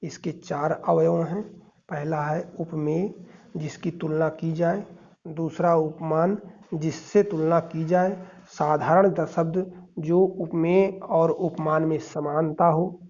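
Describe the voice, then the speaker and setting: A man's voice: on the high side, fairly even intonation, slow pace, vocal fry, a little mellow, muffled recording. A male teacher giving an exam-prep grammar lesson, explaining step by step and reciting verse examples.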